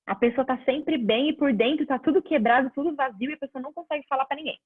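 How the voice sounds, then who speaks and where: A woman's voice: sits high, fast talker, no echo. Woman teaching over a tinny line. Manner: conversational, answers viewer questions, lively examples. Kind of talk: casual online class. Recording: dry phone-like audio.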